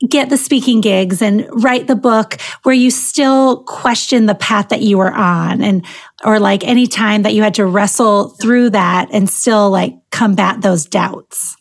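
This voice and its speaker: A woman podcast host asking thoughtful questions and affirming her guest in a casual interview. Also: mid-range voice. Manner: attentive, affirming listener.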